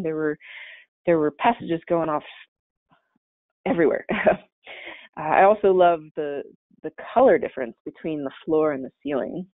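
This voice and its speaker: Heard through a webinar call microphone, the tinny, dry audio carries a mid-range voice with no echo at all. The speaker is a caver presenting a slide show in a relaxed, talkative way, stumbling into frequent fillers and restarts.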